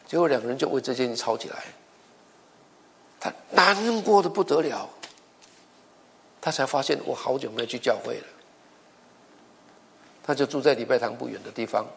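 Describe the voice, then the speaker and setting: A man's voice: mid-range voice, creaky. Mandarin-speaking male pastor telling sermon stories. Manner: tells stories with quoted dialogue, stammers and repeats words. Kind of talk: sermon with storytelling.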